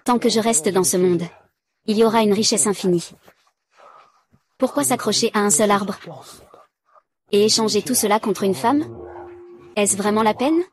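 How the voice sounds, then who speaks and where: A woman reading all the parts of a dubbed drama recap in one flat, even voice. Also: mid-range voice, normal speed, long pauses.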